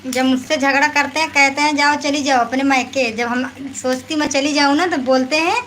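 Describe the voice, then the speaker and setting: A woman's voice: high voice, steady tone, moderate pace, fairly bright tone. A young woman with an Awadhi accent, chatting casually on a live stream, laughing often and calling to children nearby. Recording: noisy home recording.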